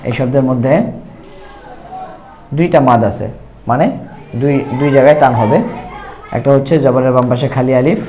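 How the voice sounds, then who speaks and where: Man teaching quran reading, drawn-out syllables, brisk explanations. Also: mid-range voice, mellow. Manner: brisk explaining between drills. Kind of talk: slow spelled-out reading lesson.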